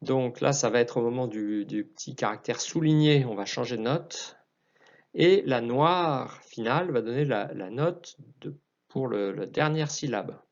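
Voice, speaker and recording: Man teaching psalm chant, slow and hesitant delivery, muffled lo-fi sound. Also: mid-range voice. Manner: unhurried, hesitant explaining with restarts. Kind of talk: explanatory chant lesson.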